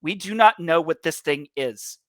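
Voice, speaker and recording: A man voicing a calm radio dispatcher who warns field agents over comms, in a flat, official tone. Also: on the high side, moderate pace, dry recording, clean studio sound, close to an everyday voice. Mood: urgent.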